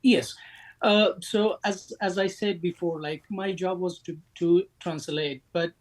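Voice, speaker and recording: A man from Afghanistan with a fairly high voice answers as an interview guest. His speech is halting, full of fillers and restarts as he searches for words. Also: steady tone, low-quality recording.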